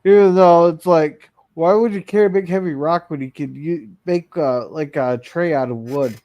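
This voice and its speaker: A man's voice: a little high, moderate pace, no echo, dull audio. A man co-hosting a live-streamed classic TV review show, chatting casually with frequent restarts and fillers.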